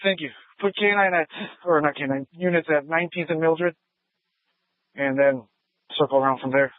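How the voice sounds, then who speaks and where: Patrol officer keying a scanner radio: dry, phone-thin sound, clipped and urgent. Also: male voice, fairly high pitch, moderate pace, dry recording. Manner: terse call-outs, urgent during a chase. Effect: heard over a police scanner radio. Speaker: police officer in the field. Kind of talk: police radio traffic. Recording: dry, tinny radio band.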